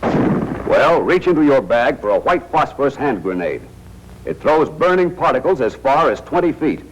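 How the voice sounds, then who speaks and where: Talking straight to the troops, an American man with a medium-pitched, sing-song voice narrates a 1940s military training film at a moderate pace. His manner is tough, wry, and full of slang, over a noisy period soundtrack.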